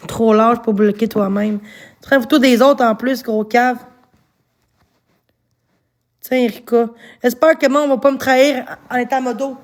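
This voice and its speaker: A woman's voice: a little high, fairly even intonation, a little slow, pauses often. A woman with a Québécois accent, streaming live and angrily scolding her chat, swearing often. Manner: angry, swearing, scolding viewers. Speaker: livestreamer.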